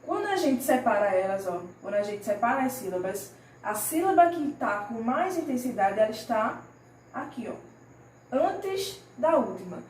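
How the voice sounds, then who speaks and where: A woman primary school teacher gives a recorded lesson. She speaks patiently, stretches example words out slowly and keeps checking that the children follow. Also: a little high, big pitch swings, a little mellow, far from the mic. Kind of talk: recorded remote class lesson. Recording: roomy, from the mic, faint noise.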